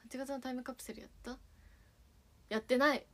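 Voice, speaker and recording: With a high, steady voice that moves a bit quickly, this young woman livestreams as an idol and reads out fan messages, giggling playfully. She's from Kagawa and speaks with a Sanuki accent.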